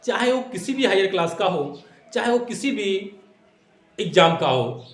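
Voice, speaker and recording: A man's voice: high-pitched, expressive, normal speed. A man teaching exam tips in a classroom style, repeating points and asking rhetorical questions while mixing in English phrases. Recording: echoey room.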